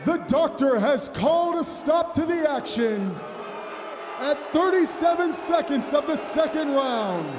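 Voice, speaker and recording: A man working as a ring announcer, calling out formally in a projected, drawn-out boxing announcer style. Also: very high voice. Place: large echoing fight venue over PA. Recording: echoing arena PA, crowd noise.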